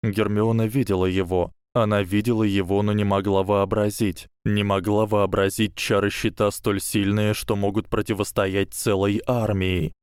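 A man reads an audiobook in a fairly low, clear, resonant voice, keeping a steady, measured pace. The recording is dry and close, with no room sound at all.

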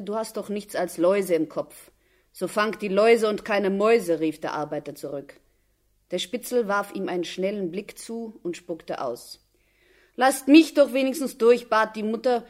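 A woman narrates a classic radio play. Her telling is calm and even, with a middle voice that stays steady from line to line. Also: mid-range voice.

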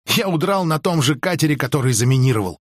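A man's voice: a little high, animated, fast, dry recording, clean studio sound. A man voicing a tense young male cat-like alien engineer who snaps harshly at his companion, in an audiobook. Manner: harsh, snapping. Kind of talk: audiobook character voice.

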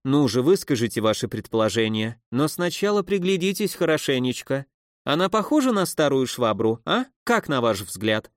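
A man voicing a drunken, cruel old woman who scolds and mocks in a loud, theatrical way. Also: medium pitch, big pitch swings, normal speed, no echo, clean studio sound, lightly acted. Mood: mocking. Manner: sneering, scolding, loudly theatrical.

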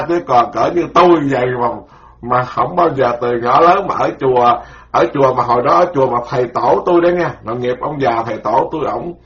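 A man's voice: mid-range voice, fairly bright tone. A man, a Buddhist monk giving a dharma lecture in a folksy, colloquial way and acting out voices in his stories. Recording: roomy, dull lo-fi recording.

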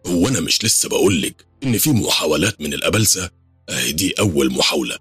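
Brief: man doing a steady Egyptian jinn king, deep husky voice, reassuring. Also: fast, no room sound, soft background music, full character voice. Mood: calm. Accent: Egyptian Arabic. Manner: reassuring, calm.

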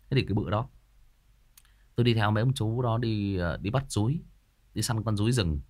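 A young man, telling a rambling story live to his listeners, repeating words and chatting with them. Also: mid-range voice. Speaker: storyteller host. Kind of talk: casual spoken storytelling to a live audience.

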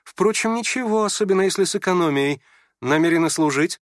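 A man's voice: high voice, expressive, brisk, dry recording, studio quality, pitched above the performer's own voice. A man reading aloud and voicing a proud, ironic young noblewoman in a storybook reading. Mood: mock surprise. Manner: haughty, ironic questioning.

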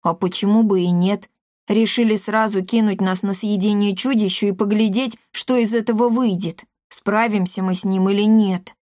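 A woman's voice: mid-range voice, fairly even intonation, normal speed, a little mellow, no room sound, studio quality, close to an everyday voice. A woman voicing a timid, chubby young man who is nervous and easily frightened. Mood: uneasy.

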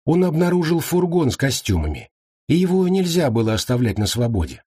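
A man reading an audiobook voices a cruel woman priestess who speaks calmly and coolly. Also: on the high side, a little fast, husky, dry recording, clean studio sound, pitched above the performer's own voice. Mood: calm, cold. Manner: calm, cool, matter-of-fact.

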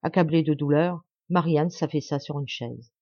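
A woman reading a literary audiobook with steady, expressive narration. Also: deep voice, moderate pace, no echo. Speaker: audiobook reader. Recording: dull dry lo-fi audio.

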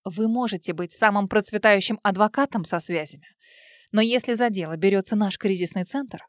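A woman reading a novel aloud in an earnest, expressive audiobook narration. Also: mid-range voice, brisk, dry recording. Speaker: audiobook reader. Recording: dry close studio sound.

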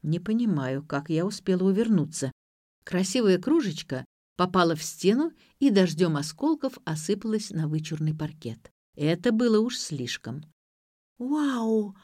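A woman reading a first-person audiobook with expressive storytelling. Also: lowish voice, moderate pace, no room sound, clean studio sound. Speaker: narrator. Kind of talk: audiobook narration.

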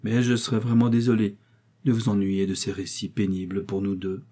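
A man's voice: on the low side, completely flat delivery, a little fast, mellow, husky. A man voicing a scheming young orphaned heiress who complains melodramatically, reading an audiobook. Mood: spiteful. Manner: plaintive, melodramatic.

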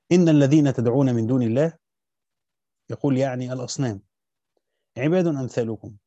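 Egyptian male teacher, rapid text reading with casual asides, dry dull recording. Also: medium pitch, dark tone, no room sound. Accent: Egyptian Arabic. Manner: reads classical Arabic quickly, then breaks into colloquial comments. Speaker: teacher reading a Quran commentary. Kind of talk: fast reading of a classical text with spoken asides.

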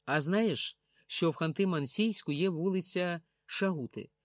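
A man voicing a hopeful, eager young mother who teases gently. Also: high-pitched, a little slow, no room sound, studio quality.

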